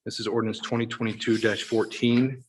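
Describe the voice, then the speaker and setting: A man chairing a town council meeting, rattling off motions and vote calls in quick succession. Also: medium pitch, flat delivery, slight background noise, poor audio.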